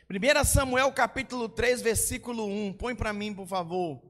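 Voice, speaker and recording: A man, swinging between hushed asides and shouted exhortation. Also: high voice, normal speed. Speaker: pastor. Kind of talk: sermon.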